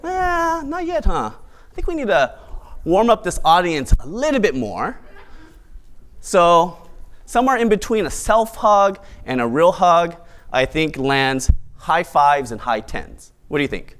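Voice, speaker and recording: Male emcee, bright and upbeat, higher voice with lively swings, joking with a live audience. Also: unhurried. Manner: bright, upbeat event host; playful, joking, conversational. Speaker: event emcee and host. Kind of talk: opening monologue to a live audience.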